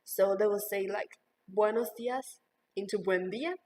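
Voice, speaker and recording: Answering casual interview questions, a university student in her 20s from a Taiwanese upbringing speaks slowly and hesitantly, scattering fillers like "um" and "like" throughout. Her first language is Mandarin Chinese, and her voice is medium-pitched with a darkish tone.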